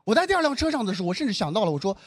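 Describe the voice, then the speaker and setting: A young man from northern China performs a stand-up comedy set, narrating a story and voicing the dialogue himself. His voice sits high and he talks very fast, animated throughout.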